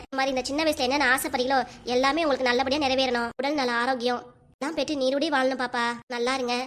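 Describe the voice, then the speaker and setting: A woman's voice: high voice, steady tone, quick pace, a bit bright. A woman with a Kanyakumari Tamil accent hosting a cartoon channel, offering formal birthday greetings and blessings before the video. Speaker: channel host.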